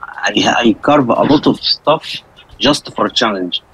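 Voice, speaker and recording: A man's voice: mid-range voice, a little slow, fairly bright tone, husky, muffled recording. A man from Egypt with an Egyptian accent and Arabic as his first language, speaking simple non-native English as he tells his story in an interview, often repeating phrases. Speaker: interview guest, skull carver.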